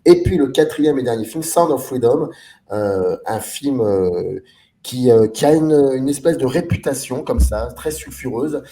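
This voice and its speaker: A man's voice: mid-range voice, expressive, measured pace, dark tone, a little hiss or hum. A man hosting a film discussion show in a casual, hesitant way, with lots of fillers and restarts as he introduces guests and films.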